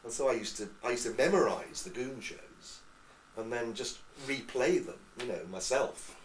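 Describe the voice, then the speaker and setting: Distant, echoey lower-voiced Englishman. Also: moderate pace, a little hiss or hum. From England. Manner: lively storyteller, slips into accents. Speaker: actor interviewee. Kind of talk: anecdotal interview chat. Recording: echoey room, far from mic.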